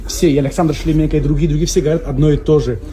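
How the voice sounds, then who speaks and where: A man's voice: on the high side, steady tone, rapid-fire, warm tone. A man doing casual post-fight interviews in a chummy, encouraging way. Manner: chummy, encouraging, frequently calls people brother. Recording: crowd noise in busy venue. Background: crowd chatter.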